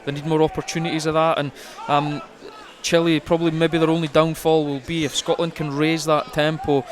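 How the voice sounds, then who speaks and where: With a stadium crowd audible behind him, a man provides casual live analysis of a rugby match as co-commentator, building his ideas as he goes. His voice runs on the high side, flat and fairly fast.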